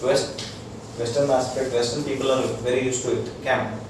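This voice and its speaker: This is an Indian-accented man acting as a doctor, giving a relaxed educational wellness talk to a small group in a halting, explanatory way while confirming they follow along. He has a mid-range voice and a flat delivery. The recording is very echoey and noisy, taken on a distant mic.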